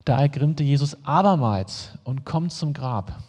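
A male preacher reads scripture and explains it, slipping into relaxed, everyday asides between the verses. His voice is dark and husky. It rings out with the long reverb of a large hall. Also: fairly high pitch, unhurried. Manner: reads the text, then adds casual plain-spoken asides to the congregation. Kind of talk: sermon, reading scripture aloud and explaining it.

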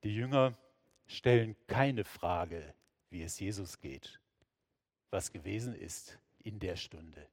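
Slow, reflective male preacher. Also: sits low, a little mellow. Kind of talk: meditative sermon narration.

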